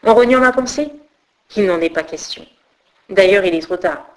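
A woman's voice: medium pitch, expressive, moderate pace, lightly acted, low-quality recording. A woman voicing a proud, stubborn old male philosopher who grumbles and stands defiant. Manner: gruff, grumbling.

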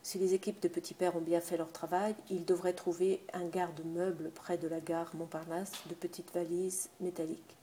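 A woman narrating a novel in a steady, even reading voice. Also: on the low side, normal speed, hardly any pauses, a little hiss or hum. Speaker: audiobook narrator.

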